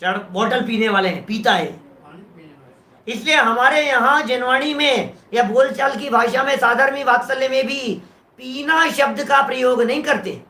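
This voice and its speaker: A man's voice: extremely high pitch, normal speed, sharp tone, reverberant. A man giving a scriptural lecture, explaining patiently and asking the audience rhetorical questions. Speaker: scripture teacher.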